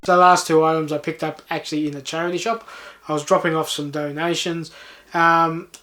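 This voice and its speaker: A man's voice: on the high side, flat delivery, fairly quick, bright, forceful tone, faint music behind. A man hosting a game collecting video, chatting casually in an understated, unscripted way. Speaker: host of game collecting channel. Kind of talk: casual chat to viewers.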